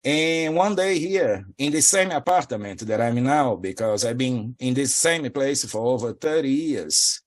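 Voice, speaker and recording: A middle-aged man from Brazil with a Brazilian Portuguese accent, a spiritual teacher talking in an interview and meandering reflectively with soft laughs. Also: medium pitch, animated, measured pace, hardly any pauses.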